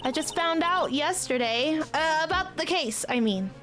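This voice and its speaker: A woman's voice: high voice, lively intonation, normal speed, voice pushed up. A woman voicing a nervous young female lawyer from a video game, flustered and stammering, with music behind her.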